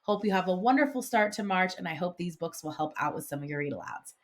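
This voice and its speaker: A woman who teaches in a classroom hosts a casual instructional vlog about picture books, explaining things conversationally the way a teacher would. Her voice is fairly low, quick, and lively, with heavy noise in the background.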